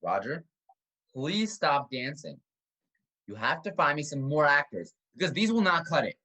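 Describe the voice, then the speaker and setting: A man plays a nervous casting director with a bright, highish voice that rises and falls a lot. He sounds fussy and pleading, heard over a video call in an amateur comedy sketch. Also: moderate pace, full character voice. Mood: fretful. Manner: pleading, fretful, lively.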